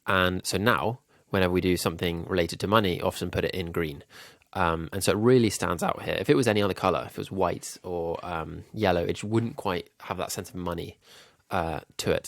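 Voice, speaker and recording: A man with a low, gravelly voice, sounding nasal and slightly ill. He thinks aloud in an easygoing way, full of little ums, as he walks viewers through a design tutorial. The recording is dry and close to the mic. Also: dry recording. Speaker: YouTube growth coach.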